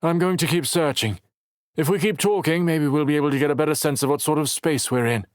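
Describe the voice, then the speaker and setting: A man's voice: a little high, fast, no echo, clean studio sound, pitched above the performer's own voice, lightly acted. A man narrating an audiobook voices an injured, determined man who talks earnestly, teases, and snaps back. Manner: earnest, teasing, snappish.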